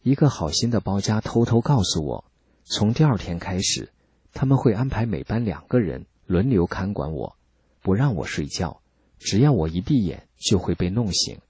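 A man calmly reading a first-person account as scripted narration, measured and steady. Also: low-pitched, husky, no echo. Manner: calm, measured storytelling.

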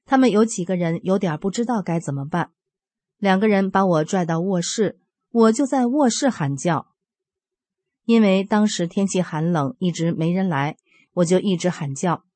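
A woman in her fifties reading aloud a personal account in an earnest, steady storytelling way. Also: lowish voice, normal speed, no echo. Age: 50s. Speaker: religious practitioner sharing a testimony.

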